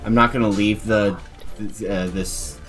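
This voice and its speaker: Male player, unhurried, halting delivery, soft music under. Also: lowish voice, steady tone. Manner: slow, hesitant with fillers. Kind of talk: tabletop play, describing actions.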